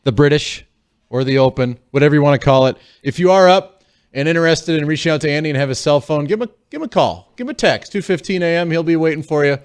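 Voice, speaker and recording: A man's voice: on the high side, fast, clear, resonant tone. A man in his forties hosting a golf show, friendly and chatty as he moves between segments. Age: 40s. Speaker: podcast host.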